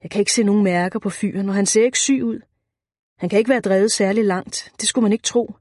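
A woman voicing Tom, a tall, steady male lighthouse keeper, in a storybook reading. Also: mid-range voice, no echo, studio quality, close to an everyday voice. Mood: calm. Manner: shouts urgently, then speaks calmly.

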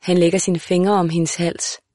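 A woman narrating a literary audiobook in a calm, measured, even way. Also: on the low side, no room sound, clean studio sound.

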